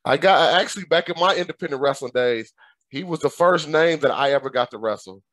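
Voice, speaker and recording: A man hosting a casual podcast interview, upbeat and full of slang, often breaking into laughter. His voice sits high, and it is recorded close and dry with no room sound. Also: fairly quick, fairly bright tone, no room sound. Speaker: podcast host.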